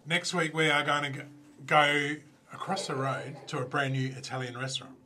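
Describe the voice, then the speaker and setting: Australian male host, slightly raised pitch, joking banter. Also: steady tone, moderate pace, pushed and bright. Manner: chatty, jokey banter. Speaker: show host. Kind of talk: casual chat.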